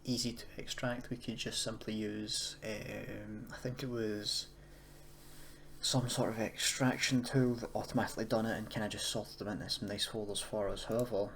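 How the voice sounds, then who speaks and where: A tutorial presenter with a fairly low, steady voice walks through software in a casual, unscripted screen recording, sounding hesitant at each step at a moderate pace. The noisy home recording has light noise and keyboard typing behind him.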